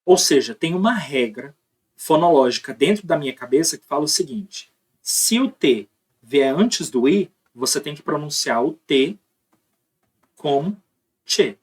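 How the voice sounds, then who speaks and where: A linguistics teacher with a Brazilian Portuguese accent gives a recorded phonology lesson, explaining step by step, sounding examples out aloud and checking in with tag questions. His husky voice is a little high, with lively intonation and a measured pace.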